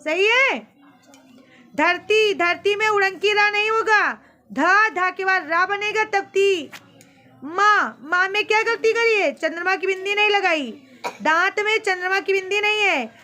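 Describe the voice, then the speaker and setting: A woman tutor with a very high, bright voice drills a class of pupils, sternly scolding their mistakes. She spells each word out slowly, letter by letter, taking her time and repeating the right form. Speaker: home tutor. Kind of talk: checking homework and drilling pupils.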